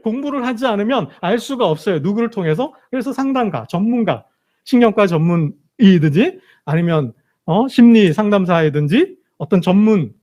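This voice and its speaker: A man's voice: sits high, a little mellow. A male pastor preaching a sermon in a church, asking rhetorical questions and repeating emphatic phrases. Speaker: senior pastor. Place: church sanctuary.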